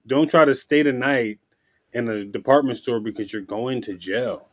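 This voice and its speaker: A man joining a podcast, his voice at an ordinary middle pitch. He banters in a laid-back, slangy way. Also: moderate pace, slight background noise. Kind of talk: casual podcast chat.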